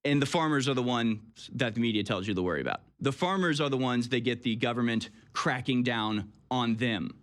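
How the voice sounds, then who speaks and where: A man's voice: medium pitch, fairly quick, few pauses, fairly bright tone. A man hosting a call-in talk show, delivering sarcastic, mocking political commentary.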